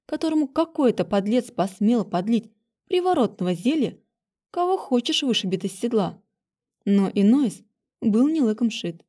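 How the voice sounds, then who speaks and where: Female audiobook narrator, expressive fantasy reading, warm mellow tone. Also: mid-range voice.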